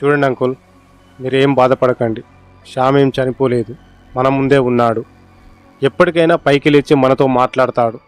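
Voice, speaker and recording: A man's voice: medium pitch, steady tone, normal speed, long pauses, no echo, soft background music, close to an everyday voice. A man voicing a helpful, reassuring young friend of the family in a storybook reading.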